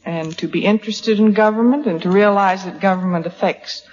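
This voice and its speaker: A woman's voice: mid-range voice, a little fast, darkish tone. A woman speaking politely as a contestant on an old radio quiz. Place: large hall at a live radio broadcast. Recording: dull hissy old radio recording, hall reverb.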